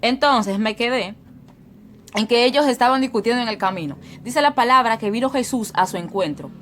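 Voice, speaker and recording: A woman's voice: fairly high pitch, normal speed, fairly bright tone, a little hiss or hum. A woman teaching a Bible story. She reads scripture aloud and explains it in a conversational preaching manner.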